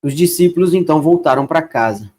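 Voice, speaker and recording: A man reading Bible verses aloud and breaking off into relaxed, chatty commentary. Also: on the high side, a little fast. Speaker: bible reader.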